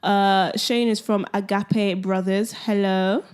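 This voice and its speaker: A woman in her twenties co-hosting a podcast, bubbly and quick to laugh. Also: medium pitch, level tone, a little mellow, clear, resonant tone. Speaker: podcast co-host. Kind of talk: casual chat.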